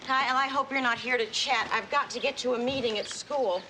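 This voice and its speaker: An actress playing a busy, practical mother in a sitcom, talking briskly. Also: on the high side, close to an everyday voice. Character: busy, patient adult mother. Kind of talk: sitcom acting. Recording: noisy sitcom soundtrack.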